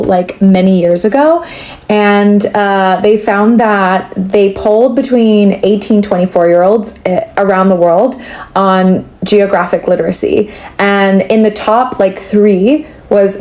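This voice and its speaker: Brief: American woman, mellow warm voice, reflective explainer. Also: mid-range voice, measured pace. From United States. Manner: thoughtful, explanatory, with many fillers. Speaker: commentator. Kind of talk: explanatory social media video.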